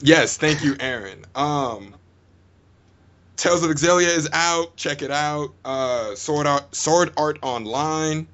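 Relaxed podcast host, lo-fi. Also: male voice, a little high, slow pace. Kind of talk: casual podcast chat, wrapping up.

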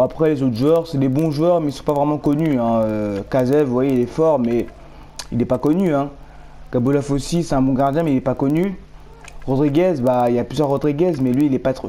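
A man's voice: medium pitch, warm tone. A young man chatting casually to viewers while showing his video game team, rambling and correcting himself often. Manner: rambling, hesitant, self-correcting. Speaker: gaming YouTuber. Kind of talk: casual gameplay commentary.

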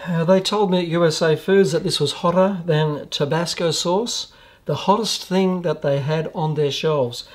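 A man's voice: on the high side, moderate pace. An Australian man hosting a casual food taste-test vlog, reading the label aloud with dry jokes. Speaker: food reviewer.

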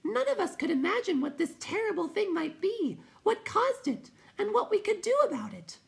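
A man reading aloud, voicing a jittery little will-o'-the-wisp in a high, creaky voice. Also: heavily acted. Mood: anxious. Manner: high, rapid, excitable. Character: jittery will-o'-the-wisp, a tiny bouncing light spirit.

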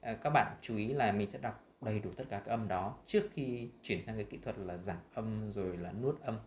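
A man with a Vietnamese accent teaching English pronunciation, saying sample words slowly and loudly between his explanations. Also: lowish voice, roomy sound. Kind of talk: screen-share lesson.

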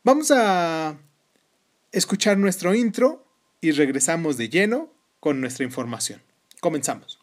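A man hosting a podcast, reading scripted narration in a measured, formal way. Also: on the high side, lively intonation. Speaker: podcast host.

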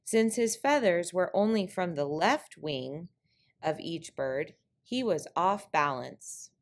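A woman narrates a picture-book trickster tale. Her voice sits a little low, and she tells it very slowly, with deliberate, clear phrasing. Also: expressive. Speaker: storyteller.

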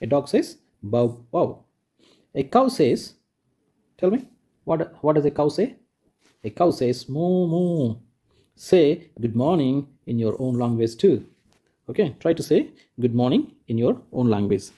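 A man's voice: medium pitch, sing-song, measured pace, mellow, husky. A man, teaching a school textbook lesson to children, repeating each point and rephrasing it patiently. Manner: points and demonstrates with "like this".

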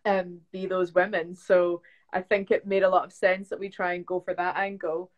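A young British actress, appearing as a guest on a video live stream recorded on a phone, chats casually and fills her speech with lots of "like" and "um." Her voice is lowish and level in tone, at a normal speed, and the audio sounds dull.

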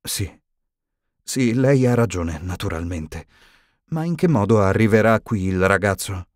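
A man voicing a stern elderly female professor in an audiobook, higher and tremulous, shaken and indignant. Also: expressive, unhurried, no echo, studio quality. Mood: uneasy.

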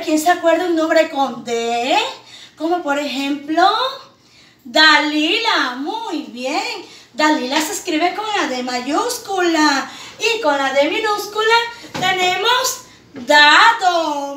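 A woman teacher leads a reading lesson for small children in a very high, bright voice. She speaks extremely slowly, drawing out each syllable and lovingly addressing her pupils. Her voice rings in an echoey room, picked up from a little away from the mic. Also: distant mic. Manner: slow, drawn-out syllables, affectionate address to pupils.

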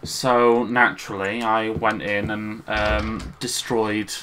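A man's voice: fairly low pitch, flat delivery, takes it slowly, noisy background. A man co-hosting a gaming channel, chatting casually and rambling with many hesitations.

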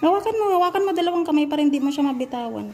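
Brief: young woman vlogger from Iloilo, high, coaxing voice, noisy office room. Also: animated, very fast. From Iloilo, Philippines. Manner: coaxing and affectionate, mixing in English words. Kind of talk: casual home vlog chat. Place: office indoors.

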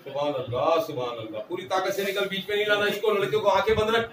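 A man's voice: high-pitched, fast talker, a crowd in the background. A man leading a ritual exorcism session as a spiritual healer, giving commanding, repetitive orders. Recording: echoey room, faint background noise.

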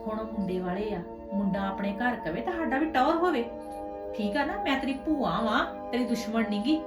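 A woman's voice: on the high side, animated, a little fast, recorded from a distance, lightly acted. A middle-aged woman playing a scheming aunt who arranges a match, persuading and pressing for agreement. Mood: coaxing. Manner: persuasive, keeps asking for agreement. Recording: echoey room, voice from afar, music behind.

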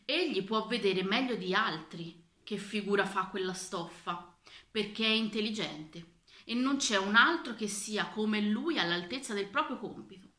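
A pompous emperor from a children's tale muses in a lightly raised, self-satisfied tone, as a woman reads him aloud. The voice is bright and sharp. The room around it rings with echo. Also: medium pitch, lively intonation, unhurried. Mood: musing. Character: vain fussy male emperor, pompous. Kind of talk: reading a children's storybook aloud.

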